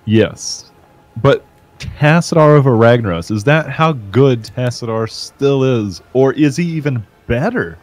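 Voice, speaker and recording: Animated man casting a game draft. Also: medium pitch, unhurried. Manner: animated, acts out player thoughts in quotes. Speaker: esports caster. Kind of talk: draft-phase casting banter.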